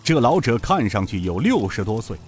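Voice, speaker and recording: A man narrating a serialized novel as an expressive, measured storyteller. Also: lowish voice, soft background music.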